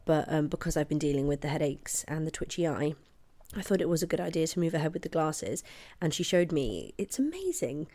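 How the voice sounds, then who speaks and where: Hoarse from a cold, a twenty-something woman records her podcast alone at home in her flat late at night, wearing headphones and using a podcast mic. Her voice is deep and fairly quick, and she chats casually, apologizing often and laughing a lot.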